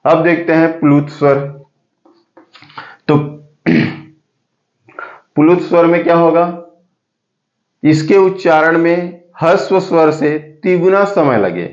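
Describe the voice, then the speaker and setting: A man teaching a grammar lesson. He repeats each point and keeps checking with the class whether it is clear. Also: a little high, takes it slowly, pauses often. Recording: echoey room, dull lo-fi sound.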